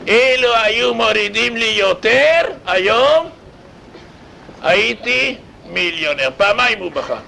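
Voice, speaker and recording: High-voiced, gravelly religious teacher. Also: male voice, a little hiss or hum, rough recording. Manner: animated, addresses students directly. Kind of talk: sermon-style lesson with jokes.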